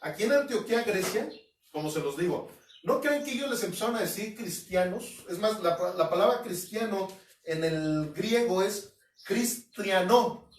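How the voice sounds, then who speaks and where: A man preaches an expository sermon in a high, emphatic voice. He now and then mimics doubters mockingly. The sound is roomy and echoey, picked up from a little distance. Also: expressive, moderate pace, slight background noise. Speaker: pastor. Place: at home. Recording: echoey room, mic at a distance.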